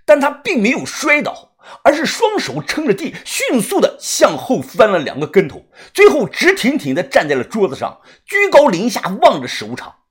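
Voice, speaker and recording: A storyteller narrating a comic martial arts tale in an animated, dramatic way. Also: medium pitch, normal speed, husky. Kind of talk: lively wuxia storytelling narration.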